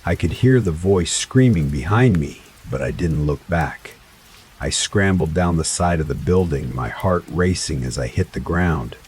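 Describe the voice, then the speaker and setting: Deep-voiced man narrating horror. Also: animated, unhurried, darkish tone, slight background noise. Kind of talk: scripted first-person horror narration. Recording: faint rain sounds behind voice. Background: rain ambience.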